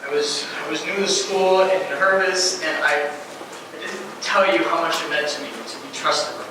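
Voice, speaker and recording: A young man playing an earnest, nervous firefighter who speaks haltingly and repeats words in a live stage play. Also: on the high side, steady tone, close to an everyday voice. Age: teens. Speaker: high school stage actor. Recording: echoey theater taped from far off, hiss.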